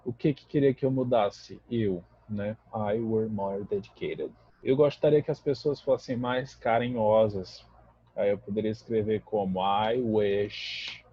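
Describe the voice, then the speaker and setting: A man's voice: medium pitch, warm tone, husky, dry recording, dull audio. A Brazilian man, a native Portuguese speaker, teaching an English grammar lesson in a patient, explanatory way that keeps checking in with the class.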